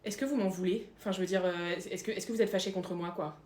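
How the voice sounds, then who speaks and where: A woman playing a timid, apologetic female bank robber who speaks quietly and stammers. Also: fairly low pitch, fairly even intonation, fast talker, natural voice. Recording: echoey room.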